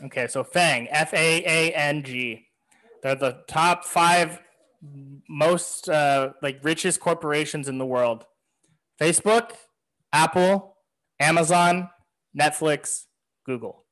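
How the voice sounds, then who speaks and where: A man's voice: on the high side, slow pace, pauses often, a bit bright, low-quality recording. A young man co-hosting a casual chat, laid-back and swearing freely as he explains things. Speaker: co-host.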